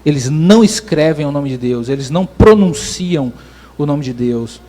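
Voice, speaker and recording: Male pastor, sermon, high voice, explains step by step with frequent restarts. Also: expressive, moderate pace, warm tone. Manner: explanatory preaching with many restarts.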